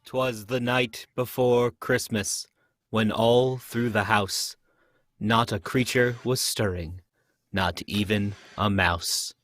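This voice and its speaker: A man narrating a rhyming poem in a live radio play reading, measured and even. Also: fairly low pitch. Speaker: narrator and host. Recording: noisy home mic stream.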